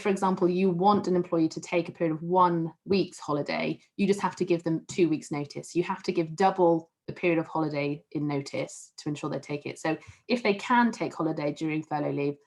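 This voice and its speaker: A woman with a low voice explains employment and tax rules on an online panel, speaking clearly and in a measured, professional way.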